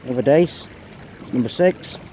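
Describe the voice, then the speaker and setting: This time the English angler speaks at a moderate pace in a warm, medium-pitched voice, chatting casually as he wades and counting his fish aloud. Wind and flowing water carry on around him on the riverbank.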